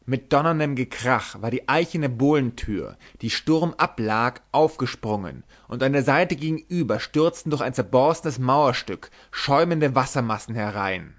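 A man narrating a literary novel aloud in a measured, dramatic storytelling manner. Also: mid-range voice, animated. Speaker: audiobook narrator.

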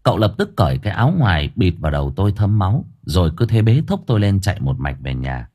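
Man, storyteller, lively pitch, lowish voice, husky, faint music behind. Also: fast talker. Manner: lively, dramatic reading. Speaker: audiobook narrator. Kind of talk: first-person story narration.

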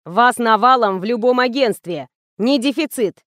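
A blunt, no-nonsense woman assistant talks down a difficult model, as a woman narrator reads her. Her voice sits fairly high, and the recording is close and dry. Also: lively intonation, normal speed, fairly bright tone, no echo. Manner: blunt, persuading. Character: blunt practical female assistant.

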